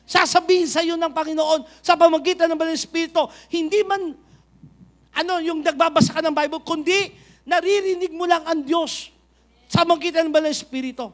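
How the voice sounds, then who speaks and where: A middle-aged Filipino pastor preaches in church, his voice pitched unusually high for a man. He is animated, slipping between Tagalog and English and rising to a shout on key points. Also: brisk. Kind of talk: sermon.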